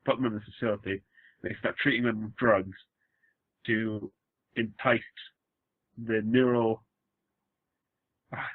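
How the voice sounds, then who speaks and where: A Welsh man in a casual podcast chat who keeps restarting his sentences as he rambles. His slightly husky voice comes through a dry, tinny, phone-like line. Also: lowish voice, steady tone, unhurried, long pauses, dry recording. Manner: rambling, restarts sentences while retelling a plot. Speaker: podcast co-host.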